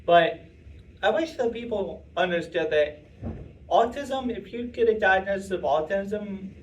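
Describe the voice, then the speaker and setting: A young man talks casually to an audience, rambling and restarting with plenty of fillers. His voice sits a little high. He is picked up from across a meeting room, with faint room noise behind him. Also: lively intonation, a little slow, distant mic, rough recording. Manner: chatty, rambling, self-interrupting with fillers. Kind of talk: casual talk answering audience questions.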